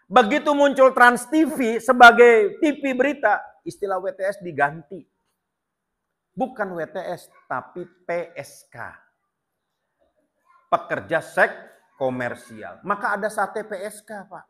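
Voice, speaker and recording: A man's voice: high-pitched, lively intonation, a little slow, a bit bright. A middle-aged man preaching a casual, humorous sermon in a prayer hall. He keeps asking the listeners questions and often calls them "sir". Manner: chatty, asks the audience questions; often addresses listeners as "Pak".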